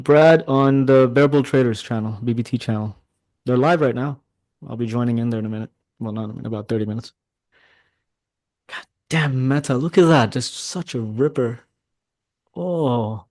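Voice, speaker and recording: A middle-aged man, a day trading mentor, commenting on a live trading session, excitable and talking to his chat, swearing when frustrated. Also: mid-range voice, no echo.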